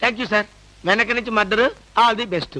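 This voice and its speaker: An actor playing a timid, frightened client who whines in comic film dialogue. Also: male voice, high voice, unhurried, pushed and bright, full character voice, poor audio. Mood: scared. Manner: whining, frightened.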